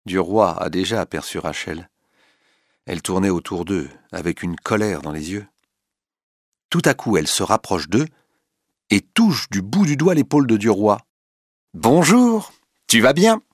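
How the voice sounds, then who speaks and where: A man narrating a story in an expressive, dramatic reading style. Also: low voice, moderate pace, pauses often, no echo, studio quality.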